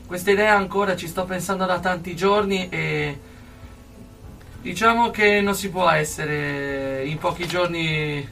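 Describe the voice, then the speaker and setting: High, bright-voiced young man, earnest. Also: steady tone, a little slow, vocal fry, recorded from a distance, soft background music. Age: young adult. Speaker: interview guest, aspiring musician. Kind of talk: earnest spoken interview answers. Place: radio studio.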